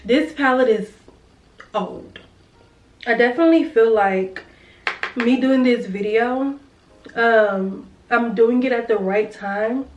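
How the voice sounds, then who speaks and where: A woman's voice: fairly high pitch, takes it slowly, long pauses, dull audio. A young woman chatting to viewers while doing her makeup, heartfelt and casual, calling them girl and y'all. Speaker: beauty vlogger. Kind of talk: casual get-ready-with-me chat. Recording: roomy sound from a distance with faint music.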